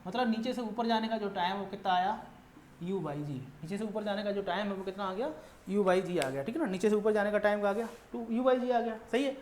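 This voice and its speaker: A man's voice: high voice, fairly quick, darkish tone. Man teaching physics in an echoey room. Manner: asks questions and answers them himself; tags nearly every line with "ठीक है ना". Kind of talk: classroom lecture mixing Hindi and English. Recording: echoey room with faint background noise.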